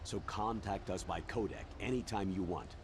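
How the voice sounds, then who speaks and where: A man's voice: lowish voice, moderate pace, natural voice. A man voicing an authoritative, earnest colonel giving a military briefing in a video game. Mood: grave, businesslike. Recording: clear background noise.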